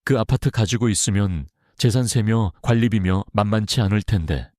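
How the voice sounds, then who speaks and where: A man's voice: lowish voice, normal speed, a little mellow, no echo, studio quality, close to an everyday voice. A man voicing a rude, sneering young woman who is about to marry, in an audiobook. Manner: sneering, blunt.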